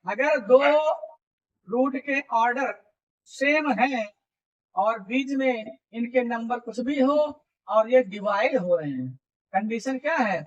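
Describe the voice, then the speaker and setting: Male coaching teacher with a high, dull-sounding voice; informal, repeats himself and checks in with the class. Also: lively intonation, slow pace. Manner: repeats points and checks understanding often; informal, calls students buddy and brother. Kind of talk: classroom video lecture.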